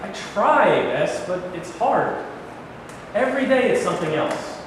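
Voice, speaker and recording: A man's voice: high-pitched, very animated, unhurried. A man playing a troubled, plain-spoken middle-aged president in a staged play reading. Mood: burdened. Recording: very echoey hall, noisy room recording.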